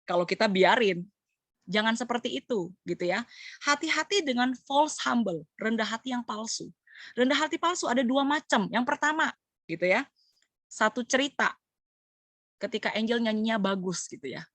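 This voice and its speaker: Lively middle-aged woman preaching. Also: fairly high pitch, normal speed, no echo. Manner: lively, acts out quoted voices, mixes slang and English. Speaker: cell group leader sharing a sermon. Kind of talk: church group sermon.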